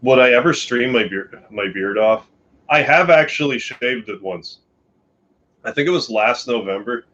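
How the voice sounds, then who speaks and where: A man's voice: mid-range voice, animated, moderate pace, fairly bright tone, lo-fi sound. A tired man from Canada chatting casually and rambling on a late-night live stream from his bedroom. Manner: sleepy, rambling, yawning. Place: home bedroom.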